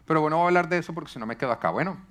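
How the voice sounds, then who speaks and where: A man's voice: fairly high pitch, rapid-fire. A man preaching a sermon to a congregation, asking them questions and joking along the way. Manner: lively, asks the congregation questions, jokes.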